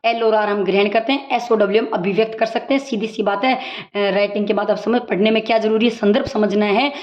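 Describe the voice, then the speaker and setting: A woman teacher giving a brisk exam-prep recap lecture, explaining points with everyday examples. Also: mid-range voice, steady tone, darkish tone. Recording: dull lo-fi audio.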